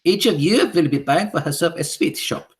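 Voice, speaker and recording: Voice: medium pitch, animated, moderate pace, pitched above the performer's own voice, lightly acted. A reader voicing a tiny, furious female witch leader who screeches and speaks with odd foreign-sounding grammar, in an audiobook. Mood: commanding. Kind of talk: audiobook character voice.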